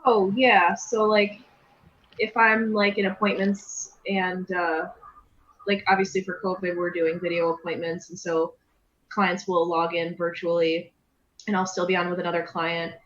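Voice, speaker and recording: A woman's voice: on the low side, little pitch movement, measured pace, fairly bright tone. Chatty woman in a roomy room. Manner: talkative, explains with many fillers. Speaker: podcast co-host, therapist. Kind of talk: casual chat. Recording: roomy, dull, slight hiss.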